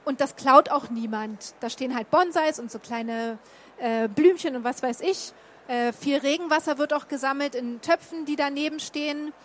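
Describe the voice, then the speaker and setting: With a high voice and moderate pace, a woman from Berlin talks informally over her slides about a visit to Japan. She often restarts sentences and leans on filler words.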